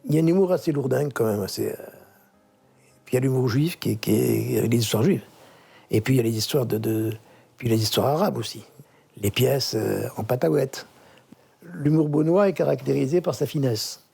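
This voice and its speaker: A man's voice: mid-range voice, fairly quick, vocal fry, warm tone, husky. A man giving a wry, hesitant account in an interview.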